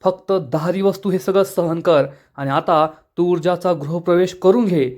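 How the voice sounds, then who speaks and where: A man's voice: sits high, normal speed, darkish tone, close to an everyday voice. A man voicing a stern, scheming middle-aged father who gives firm, commanding lines in a serial recap. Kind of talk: dramatic reading of a TV serial recap.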